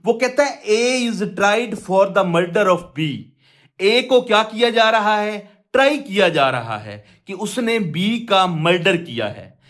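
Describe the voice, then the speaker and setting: A Pakistani man with a high, expressive, fairly bright voice gives an explanatory law lecture, mixing Urdu with English legal terms. Didactic in style, he poses questions and answers them himself, reading quoted provisions slowly in segments.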